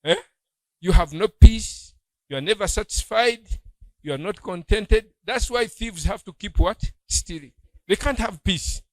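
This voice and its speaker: A man's voice: sits high, a little slow, a little mellow, no room sound, poor audio. A man preaching a sermon as a bishop, often leaving his sentences open for the audience to finish. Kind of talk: sermon teaching.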